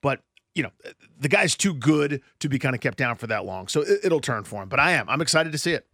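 A man of middle pitch co-hosts a sports podcast. He gives long, rambling analysis full of fillers and restarts, and the sound is dry and close. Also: expressive, brisk, fairly bright tone, no echo. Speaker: podcast co-host.

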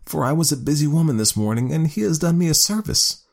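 A man voicing a busy, proud woman of the cave in a storybook reading, raising his pitch for her. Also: lively intonation, fast talker, vocal fry. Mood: stern.

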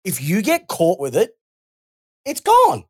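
A woman's voice: medium pitch, wildly swooping pitch, slow, mellow, slightly rough. A woman with an Australian accent co-hosting a casual sports podcast, ranting and swearing freely. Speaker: podcast co-host.

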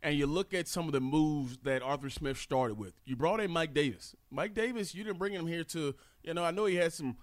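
A man's voice: fairly high pitch, fairly quick, hardly any pauses, no room sound. An American man, a former player and podcast co-host, explaining his view in long earnest runs. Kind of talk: casual sports podcast chat.

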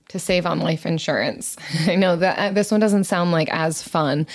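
A woman co-host with a slightly low voice chats casually, giving practical tips. She talks in an easy, conversational way, with plenty of fillers. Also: darkish tone. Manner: chatty, practical, with frequent fillers and agreeing hums. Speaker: podcast co-host. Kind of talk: casual chat about personal finance.

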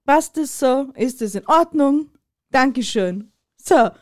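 A woman's voice: sits high, expressive, slow pace. A woman co-hosting a casual comedy podcast, playful and teasing, laughing a lot. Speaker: podcast co-host.

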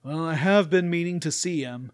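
Man doing a gloomy toy donkey, mopey, droning, low energy, storybook parody. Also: normal speed, close to an everyday voice.

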